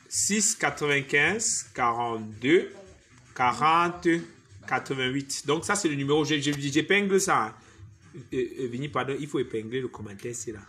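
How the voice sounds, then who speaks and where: A man's voice: medium pitch, fast, fairly bright tone, slight background noise. A young man from Cameroon with a Cameroonian French accent, chatting playfully on a live stream as a comedian and reading out viewer comments. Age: young adult. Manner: playful, joking, reads viewer comments aloud. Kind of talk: casual live-stream chat.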